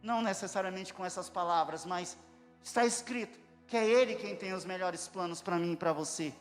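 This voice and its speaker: A man preaching an impassioned sermon, bursting into shouted praise. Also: sits high, brisk. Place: church hall. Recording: echoey church hall with music.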